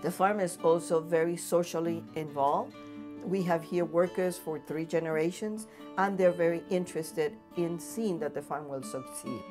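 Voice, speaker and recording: A woman's voice: on the low side, fairly even intonation, moderate pace. A woman speaking as a farm host, explaining things in slightly non-native English phrasing. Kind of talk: explanatory interview and welcome talk. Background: guitar music.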